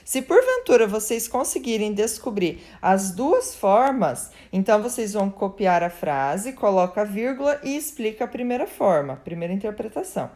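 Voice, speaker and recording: A woman's voice: medium pitch, big pitch swings, a little mellow. A woman teacher, patiently explaining a class lesson and checking in with her students after each point. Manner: patient explaining, often ends with "né?" and "tá?"; reads example sentences slowly and deliberately.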